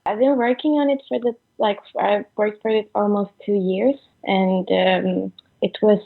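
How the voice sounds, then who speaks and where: A woman in her twenties from Sweden, a musician answering interview questions over the phone in a halting way, full of fillers and trailing off. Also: mid-range voice, fairly even intonation, vocal fry. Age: 20s. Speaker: musician guest. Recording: tinny phone line.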